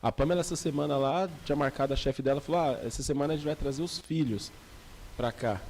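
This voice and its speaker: A man's voice: mid-range voice, quick pace, gravelly, slight background noise. Chatty Brazilian male podcast host. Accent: Brazilian Portuguese. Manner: relaxed, chatty, jokes with the guest. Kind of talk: casual interview talk.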